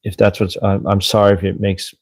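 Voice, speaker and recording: Low gravelly man on a dry mic. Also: flat delivery, fairly quick, a little mellow, no room sound, rough recording. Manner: chatty and self-deprecating, fiddling with audio gear. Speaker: host, former Marine Corps religious lay leader. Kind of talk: casual livestream talk, reading from a handbook. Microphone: desk microphone with gain control. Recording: dry, close, slightly clipping mic.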